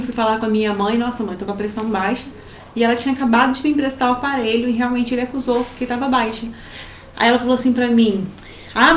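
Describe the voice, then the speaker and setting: A woman with a Brazilian accent, co-hosting a casual advice chat and telling family stories in a lively way. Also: fairly high pitch. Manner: lively storytelling with acted quotes. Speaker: co-host giving family advice. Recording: roomy with faint background noise.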